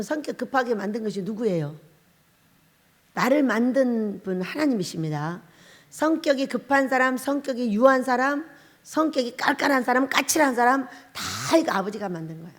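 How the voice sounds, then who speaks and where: A middle-aged woman pastor with a high voice gives a sermon in a church sanctuary. Her words trail off into a long reverb across the hall. She tells her stories with lively energy, acting out quoted lines loudly and laughing as she goes. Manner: laughs while preaching.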